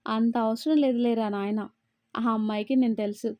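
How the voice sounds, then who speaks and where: A woman doing a bantering young man, storybook voice, fairly high, dry sound. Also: steady tone, normal speed, warm tone, no echo, close to an everyday voice. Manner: chatty, banter-filled. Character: young man Vicky, shy, teasing best friend. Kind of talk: storybook read-aloud.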